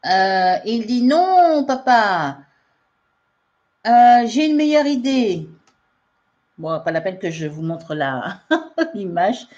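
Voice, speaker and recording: A woman's voice: mid-range voice, darkish tone, dull audio. A woman teaching English in a live online lesson, laughing often as she reads out viewer comments. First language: French.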